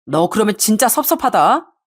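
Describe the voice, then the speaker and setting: A woman's voice: medium pitch, sing-song, moderate pace. Woman doing a sulky, greedy older brother.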